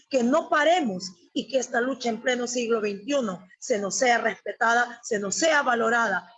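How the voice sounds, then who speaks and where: A woman's voice: on the high side, fairly bright tone, husky. Emphatic woman giving a speech. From Honduras, la Mosquitia. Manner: emphatic, declamatory, with long lists. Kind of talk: formal webinar address. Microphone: webinar audio feed. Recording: dull lo-fi webinar audio.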